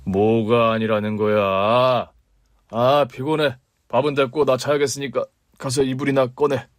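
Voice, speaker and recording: A man's voice: mid-range voice, fairly even intonation, unhurried, no room sound, studio quality, lightly acted. A man playing a cold, irritable, unfaithful father in a story radio drama, with a scolding, contemptuous way of talking.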